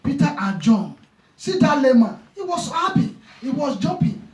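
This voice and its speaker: A man's voice: extremely high pitch, very animated, moderate pace. A man, preaching a sermon with passion, repeating his phrases and acting out conversations. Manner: impassioned, repeats phrases, retells dialogue. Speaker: pastor. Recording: echoey church room, mic far off.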